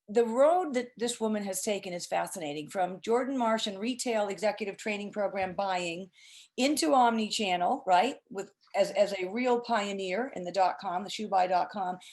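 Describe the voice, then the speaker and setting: A middle-aged woman hosting an informal webinar, explaining things in an emphatic, chatty and effusive way. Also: mid-range voice. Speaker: host, presenter.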